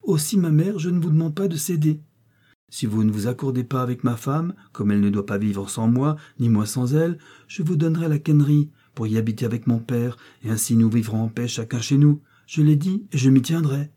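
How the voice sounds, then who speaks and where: Guy reading the young miller, firm and steady, dark husky voice. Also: medium pitch, fairly quick, voice pushed up, close to an everyday voice. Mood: resolute. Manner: firm, resolute.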